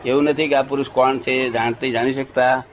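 A man's voice: medium pitch, level tone, fairly quick, slight background noise. An older man telling a rambling anecdote in casual chat, often checking that his listener follows. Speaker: storyteller.

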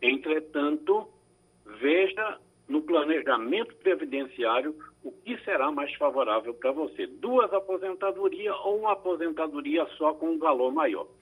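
A man, a lawyer on a Brazilian radio call-in show, answering listener questions in a measured, explanatory way with frequent tag questions. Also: a little high, expressive, a bit bright, breathy edge, poor audio. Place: radio studio.

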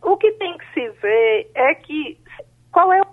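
A psychologist, answering questions over a mobile phone line that keeps cutting out, speaking in a measured, explanatory way with frequent tag questions. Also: female voice, high-pitched, expressive. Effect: breaking-up mobile phone line. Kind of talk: radio phone-in interview answer. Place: outdoors in a country town, seeking signal. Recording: tinny cell phone line.

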